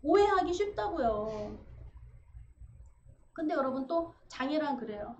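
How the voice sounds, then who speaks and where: A woman preaching a sermon in a church, animated and acting out the voices she quotes. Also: high voice, measured pace. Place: church sanctuary. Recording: roomy, slightly dull livestream with faint hiss.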